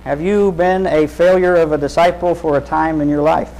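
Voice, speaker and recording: A man's voice: fairly high pitch, fairly even intonation, moderate pace, darkish tone, rough recording. A man preaching a sermon, retelling a story in casual, vivid terms and putting direct questions to his listeners.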